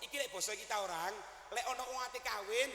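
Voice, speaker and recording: A male preacher with an East Javanese accent telling a story in a sermon, lively and questioning his audience. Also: high-pitched, fast, slight background noise. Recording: echoey hall with long reverb.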